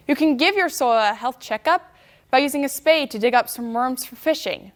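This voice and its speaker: A woman's voice: fairly high pitch, a bit bright. A young woman giving a prepared contest speech, with a stiff, rehearsed delivery that sounds memorized.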